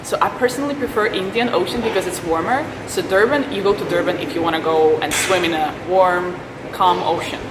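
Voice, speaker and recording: A woman's voice: lowish voice, fairly quick. Woman in a heavily echoing, noisy room. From Belarus and South Africa. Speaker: interviewee. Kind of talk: casual informative interview. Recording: strongly echoing room with background noise.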